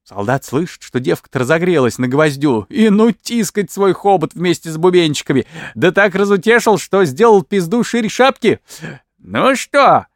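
A man reading bawdy folk tales aloud in a lively, wry storytelling manner. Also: sits high, moderate pace, few pauses, no echo, clean studio sound. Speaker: narrator.

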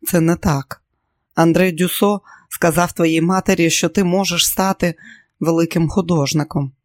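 Reader doing a quiet guilty woman, soft apologetic talk, dry sound. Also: mid-range voice, steady tone, normal speed, dry recording, close to an everyday voice. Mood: hushed. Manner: hushed, apologetic.

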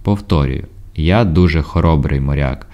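A man reading an audiobook in first person, in a measured storytelling voice with ironic asides. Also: extremely low pitch, darkish tone. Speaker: audiobook narrator. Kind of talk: scripted first-person narration.

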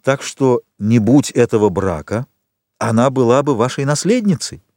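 A man reading an audiobook, voicing a formal, measured notary. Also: mid-range voice, darkish tone, no room sound, studio quality, close to an everyday voice. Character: middle-aged male notary, precise and formal.

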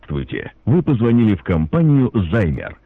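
A deep, gravelly man's voice comes through as an automated phone announcement. It swings widely in pitch and sounds tinny and squeezed, like a phone line on speaker. The delivery is flat and formal, like a scripted greeting. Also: moderate pace, no echo. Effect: automated phone-line recorded announcement.

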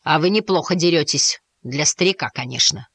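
A woman's voice: deep voice, normal speed, a bit bright, breathy edge, dry recording, exaggerated voice. A woman voicing a brash, aggressive young male mouse in a storybook. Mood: awkward. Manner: aggressive, blustering.

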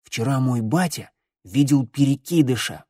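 A man voicing an excitable young village boy who eagerly tells a spooky rumor in a raised, lively voice. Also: moderate pace, husky, dry recording, clean studio sound, natural voice. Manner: eager, breathless storytelling, high and lively.

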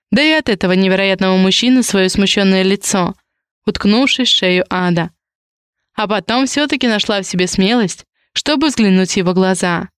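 A woman narrating an audiobook in an even, measured reading style. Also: medium pitch, smooth, no echo, studio quality.

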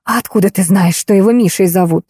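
A woman's voice: high-pitched, a little slow, warm tone, no room sound, clean studio sound, pitched above the performer's own voice. A woman voicing Lenochka, a furious jealous young woman who screeches coarse insults, in an audiobook. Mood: menacing.

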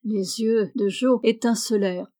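Mellow woman reading a novel aloud. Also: a little high, fairly even intonation, a little slow. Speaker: audiobook reader. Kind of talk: read-aloud novel narration.

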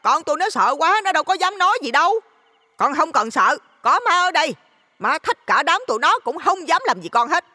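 A man voicing a shrill, brawling middle-aged mother who shouts insults, with a Southern Vietnamese accent. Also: sing-song, fairly quick, long reverb tail, heavily acted. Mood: accusing.

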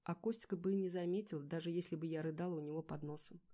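A woman's voice: lowish voice, steady tone, fast, warm tone. A woman reading a first-person novel aloud with an emotive, dramatic delivery. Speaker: audiobook narrator.

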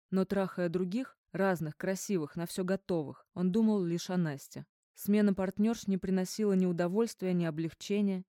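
A woman reading an audiobook in a measured, even narration. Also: lowish voice, no echo, clean studio sound. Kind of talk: scripted narration.

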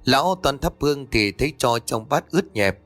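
A male storyteller reads a horror tale in a steady, suspenseful voice. His pitch is middling, and faint music plays under him. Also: moderate pace. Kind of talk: scripted horror narration.

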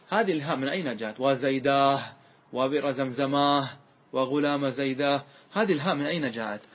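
A man teaching a classical grammar lesson as a sheikh, explaining step by step, often checking that listeners follow, and drawing out example words slowly when he recites them. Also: mid-range voice, husky.

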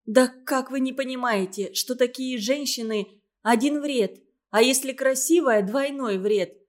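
A woman reading an audiobook, voicing an earnest young woman who scolds and moralizes loudly. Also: fairly high pitch, unhurried, natural voice. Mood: indignant.

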